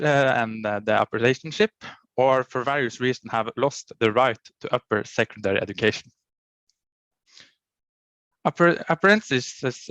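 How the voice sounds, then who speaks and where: Reading from a prepared conference talk, a male county education official speaks in a formal, stop-start way, frequently breaking off and restarting words. He has a slightly bright mid-range voice, with no room sound.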